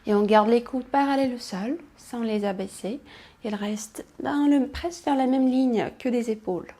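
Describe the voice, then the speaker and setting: A woman instructor calmly guiding a pilates class, cueing movements and counting, with soft whispered asides. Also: on the high side, normal speed. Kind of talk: guided exercise class instruction.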